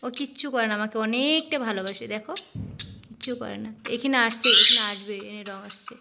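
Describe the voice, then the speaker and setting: A woman's voice: fairly high pitch, a little fast, vocal fry. A woman vlogger talking in a coaxing, babying tone to her pet parrots. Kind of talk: casual chat. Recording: loud background noise. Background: parrot squawks.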